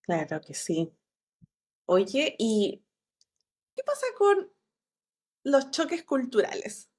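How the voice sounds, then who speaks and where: A woman hosting a podcast, asking her guest questions in a relaxed, conversational way. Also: on the high side, slow pace, breathy edge. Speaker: podcast host.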